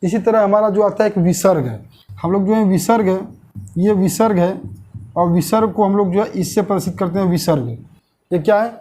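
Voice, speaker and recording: A man teaching a grammar lesson online, posing questions to the class and answering them himself, repeating key terms slowly. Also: high voice, darkish tone.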